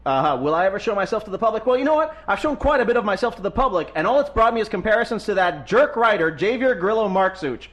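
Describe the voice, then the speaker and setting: A man's voice: high-pitched, expressive, fast talker, hardly any pauses, fairly bright tone. A man hosting a live call-in podcast, brash and sarcastic, often cutting in on callers. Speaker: radio show host.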